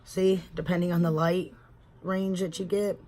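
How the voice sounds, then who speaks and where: A Texan woman in her thirties, a beauty vlogger, chats casually at home while doing a makeup tutorial. Her voice is fairly low and dark, delivered flatly at a moderate pace, and she rambles chattily, calling her viewers y'all.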